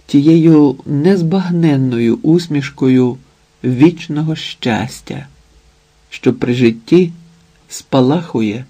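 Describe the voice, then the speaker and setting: A man narrating an audiobook novel in a slow, measured reading. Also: mid-range voice, mellow, slightly rough. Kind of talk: scripted narration.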